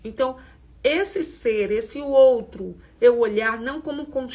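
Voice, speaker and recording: A woman hosting a reflective self-development talk, speaking gently and conversationally with frequent asides to her listeners. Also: on the high side, a little slow. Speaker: host of a women's self-development community.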